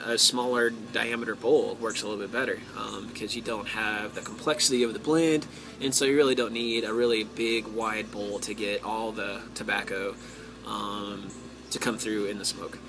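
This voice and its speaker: An American man talking casually to his viewers as a hobby vlogger, in a halting way, thinking aloud with drawn-out pauses. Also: lowish voice, noisy background. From United States. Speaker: pipe-hobby vlogger and host. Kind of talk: casual solo talk to viewers.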